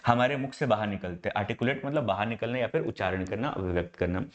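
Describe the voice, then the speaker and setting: Talking fast in a lowish voice, a man teaches English grammar in Hindi for an online class, with dull-sounding audio. He has an Indian English accent, explains each step, asks rhetorical questions, and calls his students "my brother."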